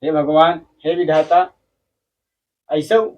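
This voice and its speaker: A man's voice: on the high side, slow pace, a little mellow, muffled recording. A man playing a jobless, defensive village husband in a family skit, arguing and grumbling in rustic speech with an eastern Hindi belt, Bhojpuri-Awadhi accent. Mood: aggrieved. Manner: argumentative, muttering repetitions, rustic speech. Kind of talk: amateur family skit dialogue.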